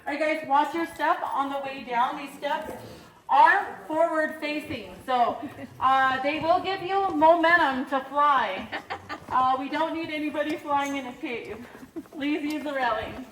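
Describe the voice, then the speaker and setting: A woman with a high-pitched, slightly bright voice leads a guided tour inside a large cave, speaking unhurriedly in a casual, chatty way and giving safety reminders. Her voice echoes off the cave walls, heard from a distance with faint noise.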